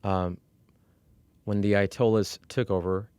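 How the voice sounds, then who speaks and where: A middle-aged man from Iran tells his own story as an interview guest. His voice sits low and sounds clear and smooth. He speaks in a measured way, with fillers and restarts. The recording is dry and close. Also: little pitch movement, darkish tone, no room sound. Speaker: executive coach. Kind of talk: candid personal storytelling.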